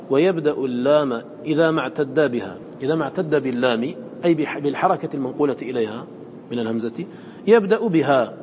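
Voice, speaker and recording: A man teaches a class on Quran recitation in a fairly high voice. He keeps asking his students questions and then answers them himself, now and then chanting verses in a melodic style. A faint hiss of noise sits behind the recording. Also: darkish tone. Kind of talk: classroom lesson explaining a poem on recitation.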